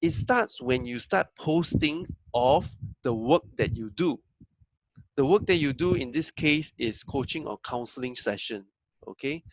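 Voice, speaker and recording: A man's voice: mid-range voice, animated, a little slow, no room sound, low-quality recording. A man giving a training talk as a business coach, conversational and full of fillers, often acting out what others say. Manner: conversational, acts out quoted dialogue, frequent fillers.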